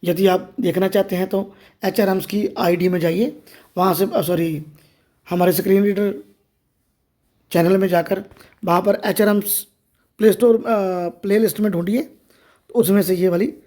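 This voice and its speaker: A woman presents a step-by-step tutorial. Her voice is mid-pitched and soft-edged, with little brightness. She explains each point by addressing the listener directly. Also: steady tone, moderate pace, long pauses. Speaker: tutorial host. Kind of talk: step-by-step screen reader tutorial.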